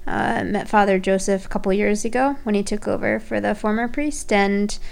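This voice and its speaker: Young woman, podcast guest, clear smooth voice, friendly, giggly. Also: mid-range voice, fairly even intonation, moderate pace, a little mellow. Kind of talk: casual podcast chat.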